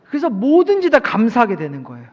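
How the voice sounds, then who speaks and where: A male pastor preaching a sermon in an animated way to his congregation in a church. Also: extremely high pitch, quick pace. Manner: animated preaching, acting out short everyday quotes. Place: church sanctuary at a night service. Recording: long church hall reverb.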